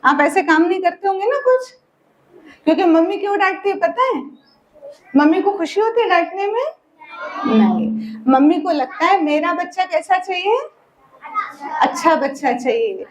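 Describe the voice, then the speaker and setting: A woman's voice: very high voice, expressive, normal speed, long pauses. A woman telling a story and giving a lesson to children at a summer camp. She keeps asking them short questions in a sing-song way and waits for their answers.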